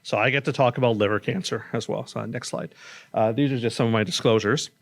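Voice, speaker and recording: An oncologist gives a casual, plain-spoken public talk with slides in a conference room, speaking into a stage microphone and remarking that he has a loud voice. He talks fast in a mid-range, gravelly voice.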